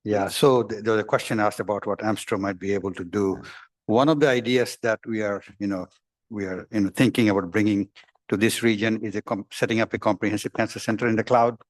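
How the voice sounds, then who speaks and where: Panelist: mid-pitched man, keen, upbeat, repeats for emphasis, dry mic. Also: fairly even intonation, brisk, dry recording. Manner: enthusiastic, repeats himself. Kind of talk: speaking on a conference panel. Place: conference hall.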